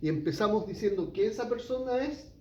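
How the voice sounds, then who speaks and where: A man in middle age preaches in a teaching tone, asking his listeners questions and checking in with a quick "ya?". His voice sits a little high for a man, and a faint hum of ambience runs behind him. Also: expressive, darkish tone, highs cut off. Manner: asks the congregation questions, frequent "¿ya?". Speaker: pastor. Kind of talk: teaching sermon.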